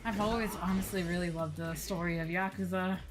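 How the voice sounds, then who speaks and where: Her voice is fairly low, steady in tone and a little quick. She's a streamer and virtual YouTuber making casual, self-mocking gaming chat over background game music.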